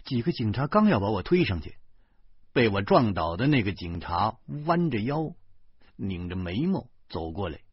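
Man, audiobook narrator, husky, very animated pitch, dry, dull lo-fi sound. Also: moderate pace, no echo. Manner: lively, exclamatory, colloquial. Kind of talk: storytelling narration. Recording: dull lo-fi recording.

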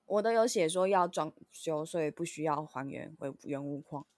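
A woman's voice: low-pitched, moderate pace, no room sound, studio quality. A woman co-host, telling an annoyed story in casual chat. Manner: animated, frustrated storytelling. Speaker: podcast co-host.

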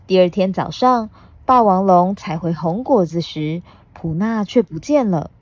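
A woman's voice: fairly low pitch, animated, measured pace, no echo. Woman reading a picture book aloud. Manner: gentle, asks the child questions. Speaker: podcast host reading picture books to a child.

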